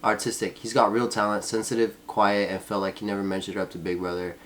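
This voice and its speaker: A man's voice: on the low side, level tone, quick pace, a bit bright, a little hiss or hum. A man co-hosting a podcast, reading Reddit posts aloud and breaking off to joke and laugh. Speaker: podcast co-host.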